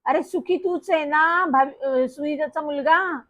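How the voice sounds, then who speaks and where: A woman voicing a shrill, scolding middle-aged aunt who shrieks and accuses down the phone. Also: unhurried, fairly bright tone.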